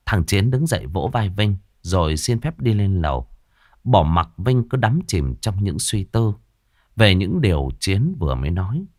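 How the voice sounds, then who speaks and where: A man's voice: low voice, darkish tone, no echo. A man narrating a horror story in a grave, dramatic way, dwelling on gruesome detail. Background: faint background music.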